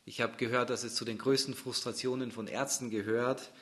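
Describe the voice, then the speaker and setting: A man preaching a sermon in German, dropping to a near-whisper at times and then swelling loud with intensity. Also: mid-range voice, steady tone, a little fast.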